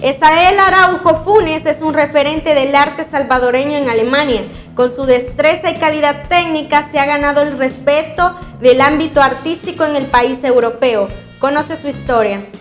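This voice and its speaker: A woman news anchor reading scripted headlines in a formal, crisp way. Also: sits high, normal speed, faint music behind.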